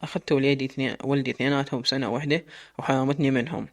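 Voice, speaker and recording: A man's voice: mid-range voice, fairly even intonation, racing, close to an everyday voice. A man voicing a grieving older mother who wails a lament over her lost son. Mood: wailing. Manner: wailing lament.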